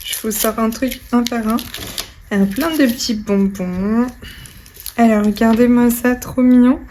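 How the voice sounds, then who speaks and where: A woman's voice: on the high side, darkish tone, a little hiss or hum. A woman vlogger chatting casually to camera as she unpacks a gift parcel, gushing and full of fillers. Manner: gushing, bubbly, lots of fillers and "trop".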